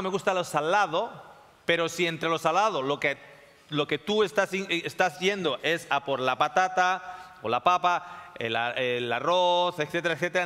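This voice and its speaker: Man, lecture to an audience, bright tone, repeats himself, reverberant hall. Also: on the high side. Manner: checks in often with the audience, repeats phrases. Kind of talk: classroom talk to a live audience.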